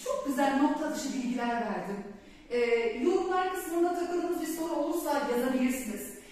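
Animated woman teacher in echoey room. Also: sits high, normal speed, distant mic. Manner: asks and answers her own questions, emphatic. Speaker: Turkish teacher. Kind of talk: grammar lesson for exam students.

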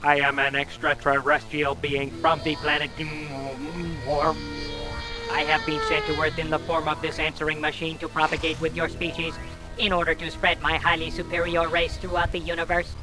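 A man voicing a male alien who speaks as an answering machine, in a slow, deadpan robot voice. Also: a little high, over music, low-quality recording. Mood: deadpan robotic. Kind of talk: comedy answering machine message.

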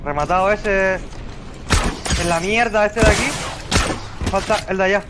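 A man's voice: high-pitched, fairly even intonation, normal speed, very noisy. A man making urgent, repeated callouts to his team during an online game. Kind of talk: fast team chatter during gameplay.

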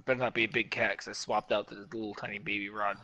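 A man's voice: on the low side, level tone, fast talker, bright, forceful tone. A man with a New York accent tinged with the South, chatting bluntly and swearing freely over a game. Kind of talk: casual gaming chat. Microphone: headset in online party chat.

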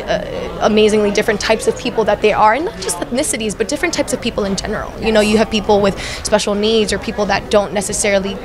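Her voice sits at medium pitch as this young Miami actress chats earnestly with an interviewer at a busy event, restarting often and leaning on fillers. The interviewer holds a handheld mic up to her, and the crowded venue's chatter fills the background.

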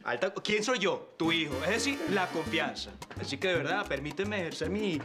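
An actor playing a cheeky jobless charmer. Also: male voice, on the high side, animated, normal speed, natural voice. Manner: cheeky, pleading with a laugh. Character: cheeky jobless young man, scheming charmer. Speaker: son in a telenovela. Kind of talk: telenovela acting. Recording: soap opera scene with music behind.

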